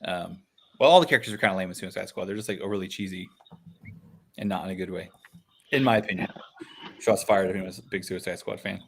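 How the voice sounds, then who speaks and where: A man hosts a casual book club livestream in a loose, slangy way. His voice sits low. He talks easily about characters and plot threads. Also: fast, creaky, pauses often, slight background noise. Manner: laid-back, says "dude" and "like" a lot. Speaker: livestream host. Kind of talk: casual online book discussion.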